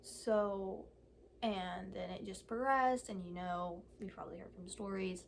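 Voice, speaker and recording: An eighteen-year-old woman talking candidly in a casual vlog, halting often with fillers and pauses. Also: medium pitch, fairly even intonation, vocal fry, slight background noise. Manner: candid and soft-spoken. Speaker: vlogger. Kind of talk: casual personal vlog talk.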